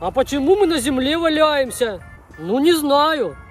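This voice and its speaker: A man voicing a naive, dim young boy in a squabbling comedy sketch, with a pitched-up voice. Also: big pitch swings, measured pace, faint music behind, exaggerated voice. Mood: puzzled. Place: outdoors in overgrown waste ground.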